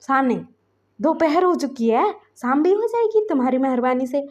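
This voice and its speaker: A woman's voice: very high voice, expressive, normal speed, voice pushed up. A woman voicing an emotional young male merman prince who pleads and scolds in a whiny way. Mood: scolding. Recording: slightly dull lo-fi recording.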